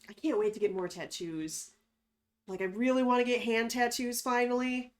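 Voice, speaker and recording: A woman's voice: fairly high pitch, fairly even intonation, moderate pace. A slightly wheezy, short-of-breath woman chatting casually and candidly as the host of a livestream. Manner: rambling, candid.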